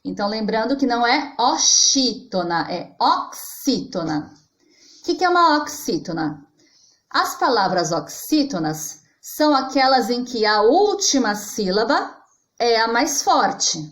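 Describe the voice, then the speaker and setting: A woman's voice: a little high, sing-song, measured pace, roomy sound. A woman teacher with a Brazilian Portuguese accent, giving a patient grammar lesson to children and drawing out example words to stress their syllables.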